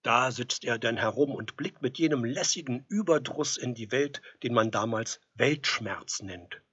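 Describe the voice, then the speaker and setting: Very husky man narrating with wry irony. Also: medium pitch, unhurried, a bit bright, no room sound. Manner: wry, ironic storytelling. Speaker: storyteller. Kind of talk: scripted narration. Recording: dull lo-fi recording.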